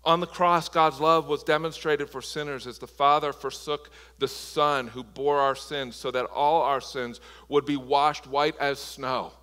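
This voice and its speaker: Impassioned preacher in a reverberant hall. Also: male voice, fairly high pitch, fairly even intonation, unhurried, hardly any pauses, sharp tone. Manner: impassioned, with frequent restarts and repeated words. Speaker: pastor. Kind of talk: sermon. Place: church sanctuary. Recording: long reverb of a large hall.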